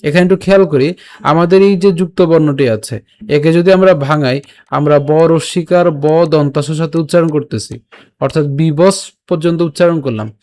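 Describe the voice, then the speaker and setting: Man teaching slow syllable-by-syllable recitation. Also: fairly high pitch, darkish tone. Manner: slow, syllable-by-syllable demonstration with repeated checks. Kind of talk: online pronunciation lesson.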